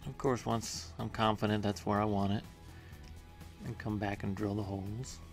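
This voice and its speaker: Male maker, low-pitched gravelly voice, relaxed matter-of-fact voice-over of a metal and wood build, faint music underneath. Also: normal speed. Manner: plain, matter-of-fact explaining with small hesitations. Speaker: home workshop maker. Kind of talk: casual voice-over narration of a build.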